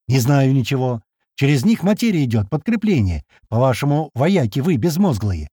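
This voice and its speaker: A man voicing a frantic, bespectacled, curly-haired male technician who shouts orders insistently. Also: sing-song, normal speed, husky, no echo, clean studio sound. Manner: shrill, insistent, bossy.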